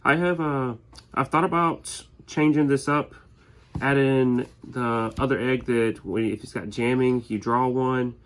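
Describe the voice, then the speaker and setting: Presenting the deck that won him the tournament, this man talks in a relaxed way, stumbling through restarts and fillers. He has a mild head cold and sniffles a bit. His voice sits in the mid range, steady in tone and a little slow.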